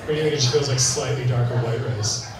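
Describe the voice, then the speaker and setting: Performing stand-up at a bar, a young man speaks fast in a mid-range voice with a dry, deadpan delivery. He's on a handheld mic before a live audience, filmed from far out in the crowd. The sound is echoey and distant, punctuated by laughter.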